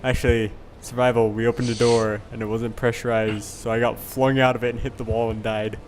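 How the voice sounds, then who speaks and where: A young man with a middle-pitched voice hosts a game session from home, easygoing and rambling as he recounts his blunders. A faint hum runs under his headset audio. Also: level tone, fairly quick. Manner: rambling, easygoing, laughs at his own mishaps. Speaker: channel host and player. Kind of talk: casual gameplay chat.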